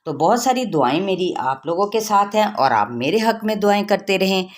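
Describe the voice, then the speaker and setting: A woman with an Urdu accent teaching Quran pronunciation rules, reciting words slowly and then explaining each rule. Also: mid-range voice, animated. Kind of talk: tajweed lesson with slow recitation.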